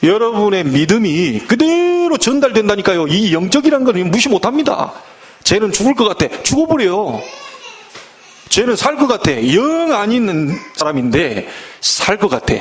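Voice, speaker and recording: A middle-aged male pastor with a Jeolla Korean accent preaches with great energy, his pitch swinging widely between high and low. He acts out other people's voices and mock curses along the way, and his voice sits on the higher side for a man. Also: big pitch swings, moderate pace, slight background noise. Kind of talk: sermon.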